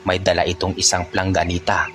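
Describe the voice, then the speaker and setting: A man narrating a folk tale in a steady, unhurried storytelling manner. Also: low voice, a little hiss or hum.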